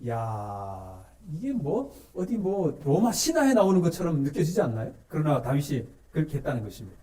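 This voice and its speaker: A male pastor delivers a sermon in a church, tossing questions to the congregation and repeating key words to drive them home. His voice sits a little high but sounds dark and mellow. He is picked up from some distance away. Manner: call-and-response questions to the congregation.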